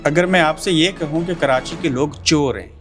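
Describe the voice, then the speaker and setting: A male interviewer with a slightly high voice asks short, pointed questions that probe his guest. Faint music plays under his voice. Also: moderate pace, a bit bright.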